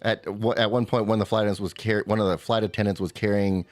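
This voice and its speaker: A man co-hosting a chat show, telling a long, animated travel story in a casual way. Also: fast talker, no echo. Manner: animated storyteller, mimics a screaming child in high squeals. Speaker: podcast co-host.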